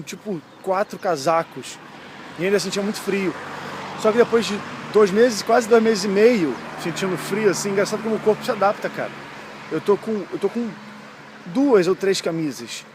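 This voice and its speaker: A man's voice: high-pitched, a little hiss or hum. A young man from Brazil, chatting casually and slangily while walking outdoors as a travel vlogger, easily amazed. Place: outdoors on a town street.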